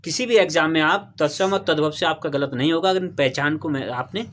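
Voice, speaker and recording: A male teacher with a notably high voice runs a classroom lesson. He keeps firing questions at the class and patiently repeats each key term until it sticks. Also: brisk, a bit bright, slight background noise. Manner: quizzes the class with call-and-response questions. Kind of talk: classroom Hindi grammar lesson. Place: classroom with students.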